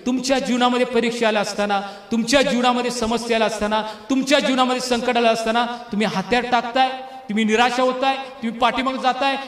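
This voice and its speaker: A man's voice: very high voice, fairly even intonation, quick pace, fairly bright tone, echoey room, big-room sound. A male pastor preaching a sermon with fervent, repeated exhortations.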